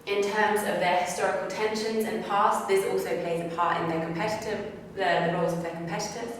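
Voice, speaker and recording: A woman's voice: medium pitch, steady tone, a little fast, a little hiss or hum. A woman giving a team case presentation in a formal, explanatory way. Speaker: student presenter. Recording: echoey hall from a distance.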